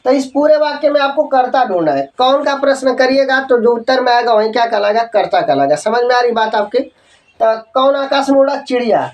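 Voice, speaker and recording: A male grammar teacher dictating slowly. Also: very high voice, lively intonation, distant mic, rough recording. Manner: slow dictation, spelling words letter by letter, keeps checking understanding. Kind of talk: Hindi-medium grammar lesson.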